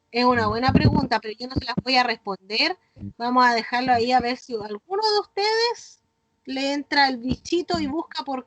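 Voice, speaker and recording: High-voiced Chilean teacher on a noisy call. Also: female voice. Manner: explaining patiently, checking in with "¿ya?". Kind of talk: online class. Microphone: video call.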